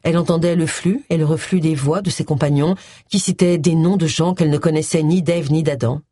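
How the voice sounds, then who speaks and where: An audiobook reader doing scripted narration with an expressive, lively delivery. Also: mid-range voice, brisk, dry recording, studio quality.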